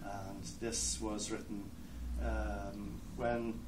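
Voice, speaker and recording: A man with an Irish accent, a poet giving a reading with spoken introductions, hesitant between phrases and slow in verse. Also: fairly low pitch, flat delivery. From Ireland. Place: lecture hall with an audience. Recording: echoey hall, distant mic, background noise.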